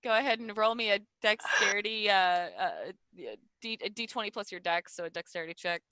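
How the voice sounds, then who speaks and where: Woman game master, bright voice, dry close sound, playful and chatty. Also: mid-range voice, a little fast, clear, resonant tone, dry recording. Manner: chatty, playful rules explanations. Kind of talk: narrating a tabletop game.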